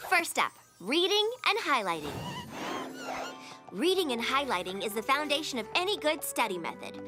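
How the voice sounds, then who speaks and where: A woman's voice: sits high, sing-song, moderate pace. A woman voicing a bookish, fussy young female unicorn in a cartoon, earnest and lecturing, with music behind.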